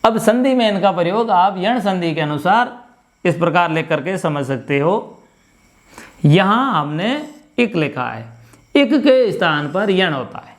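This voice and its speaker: A male teacher with a Rajasthani Hindi accent giving a classroom lecture, explaining step by step and repeating sounds slowly for pronunciation. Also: high-pitched, animated.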